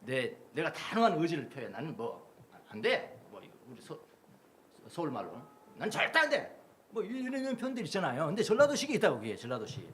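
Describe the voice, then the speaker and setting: A man's voice: on the high side, wildly swooping pitch, brisk, a bit bright, a little hiss or hum. A middle-aged man from Jeolla, South Korea, preaching a Sunday sermon as pastor in a church, stacking repeated phrases into rhythmic lists. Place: church sanctuary.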